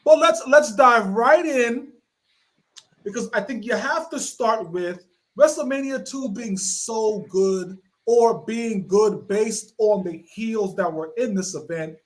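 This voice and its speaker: A man's voice: sits high, slow. A man hosting a wrestling podcast, leading his panel with an emphatic, showman-style delivery. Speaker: podcast host. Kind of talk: casual podcast chat.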